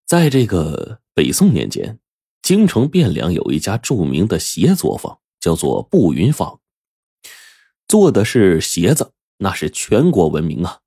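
A man telling a traditional story in a lively, colloquial, expressive way. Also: low-pitched, measured pace, slightly rough, dry recording, studio quality.

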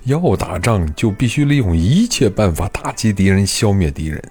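A loyal adviser urges his lord to act before it is too late, his words pressing and blunt, as a male storyteller puts him on. The voice is low and warm, with a lively rise and fall. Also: moderate pace, faint music behind, lightly acted.

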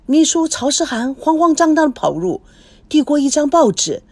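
A woman reading a dramatic family story aloud, voicing every character herself and shouting in the angry scenes. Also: sits high, sing-song, moderate pace, no room sound.

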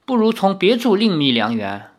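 The narrator voicing a fawning young male suitor in an audiobook, with an eager, flattering manner. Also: medium pitch, moderate pace, pitched above the performer's own voice.

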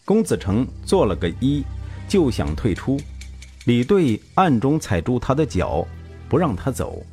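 A man narrating a historical story in a lively, dramatic way. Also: mid-range voice, measured pace, soft background music.

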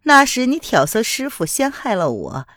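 A woman's voice: on the high side, big pitch swings, moderate pace, fairly bright tone, dry recording, clean studio sound, voice pushed up. A woman voicing a bitter, crippled woman martial artist who jeers defiantly at her rival. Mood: taunting. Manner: scornful, jeering.

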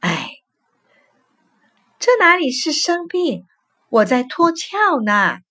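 A woman's voice: high voice, big pitch swings, slow, bright, forceful tone, voice pushed up, exaggerated voice. A woman voicing a male river shrimp shedding his shell, who sounds weak and explains patiently. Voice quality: feeble, short of strength.

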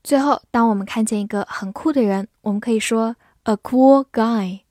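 A woman teaching English vocabulary in a scripted lesson, spelling each word out letter by letter and reading example sentences slowly. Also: a little high, warm tone, dry recording, studio quality. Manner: spells words out letter by letter, slow model readings.

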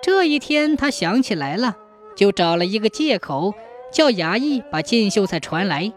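A woman narrating a folk tale in a lively, expressive storytelling manner. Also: mid-range voice, moderate pace, faint music behind.

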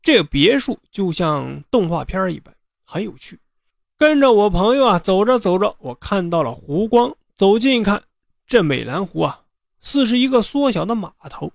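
A man narrating a ghost story in an unhurried, conversational way. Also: sits high, very animated, gravelly, dry recording, clean studio sound. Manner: unhurried, conversational telling with drawn-out particles.

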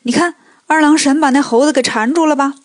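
A woman voicing a brisk, chatty female goddess in a storybook tale. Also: high voice, fairly even intonation, natural voice. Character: female bodhisattva, brisk and sure of herself.

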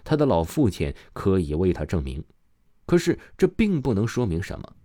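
A man's voice: low voice, huge pitch swings, dark tone, no room sound, studio quality. A man narrating a scripted true crime story as a dramatic storyteller, drawing out his phrase endings. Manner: dramatic storyteller phrasing with drawn-out sentence particles.

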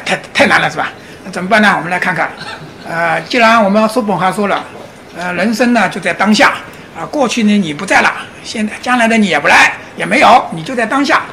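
A man giving a public lecture, animated, often asking his audience rhetorical questions and chuckling as he explains. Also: high voice, gravelly, a little hiss or hum. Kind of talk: public lecture on Chinese classics and Zen.

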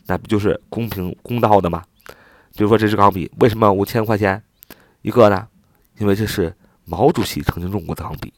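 Male vocab teacher, lowish voice, dry close sound, drills and spells each word. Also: no room sound. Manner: spells words letter by letter and repeats them slowly. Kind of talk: spoken vocabulary lesson.

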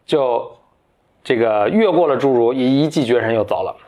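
A man's voice: medium pitch, animated, quick pace, warm tone, highs cut off. A man, a podcast host telling a fairy tale in a casual, chatty way. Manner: chatty, with many fillers and restarts. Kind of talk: casual storytelling.

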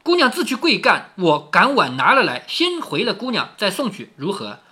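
A man's voice: sits high, huge pitch swings, moderate pace, pushed and bright, husky, full character voice. A man reading the lines of a frightened servant woman who pleads for mercy. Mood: pleading.

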